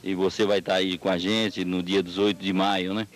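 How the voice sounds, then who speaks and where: A middle-aged man giving a formal, measured promotional interview into a handheld microphone. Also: sits low, level tone. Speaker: rodeo festival organiser being interviewed. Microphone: handheld interview microphone held by interviewer. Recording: old 1990s videotape TV recording.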